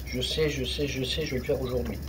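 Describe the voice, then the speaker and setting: A man's voice: mid-range voice, fairly even intonation, quick pace, noisy background. A young man casually commenting on a truck driving game, rambling with many fillers and restarts. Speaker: gaming youtuber. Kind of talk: casual let's-play commentary.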